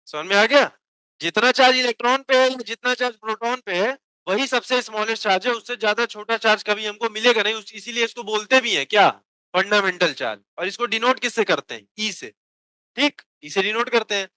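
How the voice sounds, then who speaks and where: A man gives a physics lecture in a high, crisp, resonant voice. He quizzes the class and answers his own questions, and at times dictates notes word by word. The sound is dry and close. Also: brisk, pushed and bright, dry recording, poor audio. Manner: asks students questions and answers them himself. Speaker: physics teacher.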